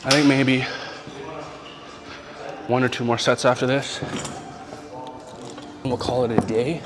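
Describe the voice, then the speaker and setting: A man's voice: mid-range voice, a little slow. A man vlogging at the gym between sets, out of breath and talking to himself about his lifts. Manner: talks between sets, relaxed and self-talking. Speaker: fitness vlogger recovering from surgery. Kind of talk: casual gym vlog commentary. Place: gym, indoors. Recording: loud music behind. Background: loud gym music.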